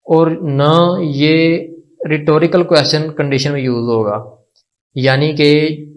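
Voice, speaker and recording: Slow, deliberate male teacher. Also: mid-range voice, low-quality recording. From Pakistan. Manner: repeats each word several times and asks the class questions. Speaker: language teacher. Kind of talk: slow, repetitive lesson explanation.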